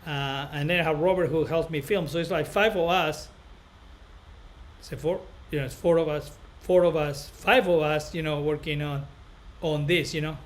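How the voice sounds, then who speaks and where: A northern Spanish man with a Spanish accent works as a barber educator and hosts an informal live stream, rambling and pausing as he chats and often going over the same points. His voice is a little high, and his intonation fairly even.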